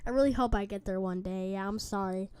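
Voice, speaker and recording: Between urgent storm warnings, a woman running a live weather stream reads the chat aloud while eating, giving storm-tracking commentary. Her mid-range voice is quick and dark in tone, with a little hiss or hum on the audio.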